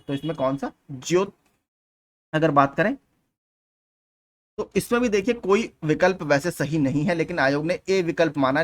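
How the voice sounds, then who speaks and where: A man teaching exam preparation, going through spelling questions one at a time and patiently repeating the key points. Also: a little high.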